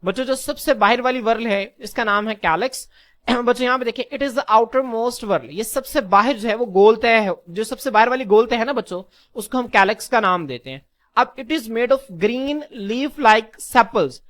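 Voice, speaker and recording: A man teaching a class lesson, calling his listeners children, posing questions and answering them himself, and slowly repeating key terms. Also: extremely high pitch, fairly bright tone. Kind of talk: classroom lecture.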